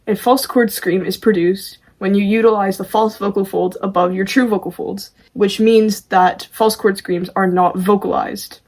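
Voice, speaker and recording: A woman's voice: mid-range voice, fairly even intonation, moderate pace, hardly any pauses, darkish tone. A woman presenting a tutorial casually, with an informal, self-deprecating way of talking. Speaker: amateur vocalist presenting a tutorial.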